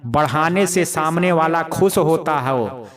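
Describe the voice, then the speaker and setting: A man playing a kindly older aunt, gentle advice, slow measured words, crowd noise behind. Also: a little high. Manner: gentle, advising. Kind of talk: storytelling narration.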